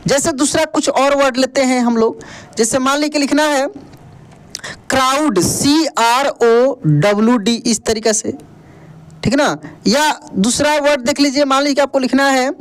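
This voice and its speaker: Man, high voice, video lesson teacher, spells words letter by letter, quizzes the viewer and answers himself. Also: normal speed. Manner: asks the viewer questions and answers them himself; repeats "ध्यान दीजिएगा" and calls viewers friend. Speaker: English teacher.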